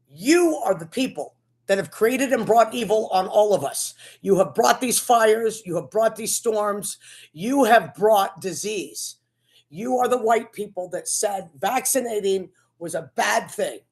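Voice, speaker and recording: A commentator giving an impassioned, sermon-like political rant in an accusatory, repetitive, preachy manner. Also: medium pitch.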